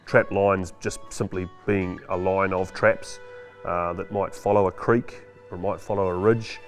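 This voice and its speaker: A man's voice: sits low, steady tone, a little slow, soft background music. A male farmer with a broad New Zealand Kiwi accent, explaining things casually in a matter-of-fact, laconic way. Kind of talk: casual explanatory talk to camera.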